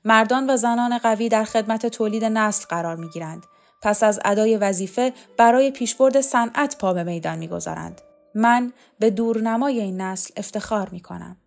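A woman's voice: medium pitch, vocal fry, lightly acted. A woman narrator puts on a cold, domineering female commander in a storybook, snapping harsh, clipped orders. Faint music plays under the reading. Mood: cold, proud.

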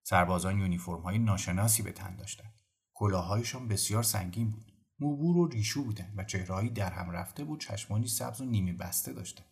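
A man calmly narrating a bedtime audiobook story. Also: lowish voice, vocal fry. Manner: calm, measured narration. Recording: faint music behind.

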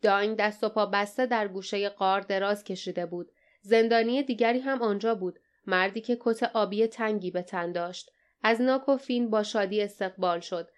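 Smooth-voiced woman reading an audiobook. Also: mid-range voice. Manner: steady, measured storytelling. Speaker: audiobook narrator. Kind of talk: scripted narration.

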